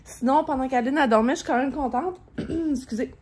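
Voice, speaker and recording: A woman's voice: high-pitched, fast, darkish tone, breathy edge. A young woman with a Quebec French accent chatting casually to her vlog camera at home, rambling along with lots of fillers and little laughs. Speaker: vlogger.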